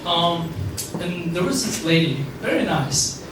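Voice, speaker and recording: Young man from Afghanistan, rambling speech, fairly high voice, echoey room far from the mic. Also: lively intonation, a little slow, background noise. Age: young adult. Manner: rambling, many fillers. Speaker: alumni speaker. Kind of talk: speech at a networking event.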